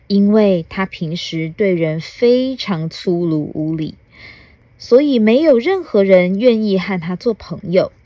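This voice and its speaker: A mother reads a children's story aloud at an unhurried pace, her voice rising and falling with lots of expression. She speaks gently and keeps checking in with the child. The recording is close and dry, with no room sound. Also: medium pitch, dry recording. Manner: slow, gentle, asks the child questions. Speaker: mother reading a picture book. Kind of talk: children's story podcast reading.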